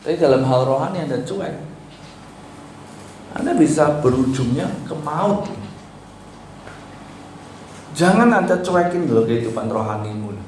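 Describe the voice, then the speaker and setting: A man's voice: a little high, lively intonation, unhurried, pauses often. Pastor, male, emphatic sermon delivery, faint hiss in the background. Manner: exhorting, pleading and emphatic, swinging between loud and soft. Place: church hall. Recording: echoey church hall with faint noise.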